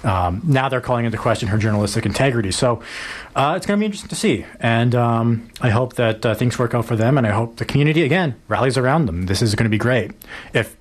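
A man's voice: mid-range voice, lively intonation, fast talker. Rambling conversational radio host man. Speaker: radio talk show host. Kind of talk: casual talk radio discussion.

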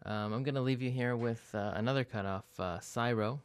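A man's voice: mid-range voice, clean tone. A man guest-hosting a radio show, casually back-announcing tracks and upcoming events, with many ums and uhs. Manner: halting, many fillers, relaxed.

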